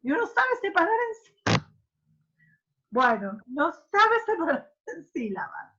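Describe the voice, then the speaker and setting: A woman's voice: extremely high pitch, big pitch swings, a little slow, bright, forceful tone. A woman teacher with an Argentine Spanish accent, giving an online class and exaggerating syllables to demonstrate them. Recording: muffled lo-fi audio.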